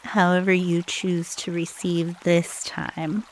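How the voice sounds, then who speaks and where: A woman's lowish, level voice guides a meditation in a calm, unhurried way, with long pauses between short phrases. The audio is poor, with slight background noise.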